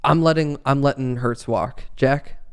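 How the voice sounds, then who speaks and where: Guy cohosting a fantasy football pod, smooth clear voice, keeps restarting his sentences. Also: mid-range voice, measured pace. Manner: thinks aloud with restarts, breaks into laughter. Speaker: podcast co-host. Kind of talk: casual chat.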